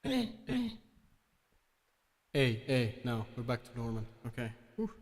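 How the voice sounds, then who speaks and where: A man's voice: mid-range voice, fairly even intonation, moderate pace. A man musician on a live stream, chatting casually between takes, rambling and self-deprecating and losing his train of thought.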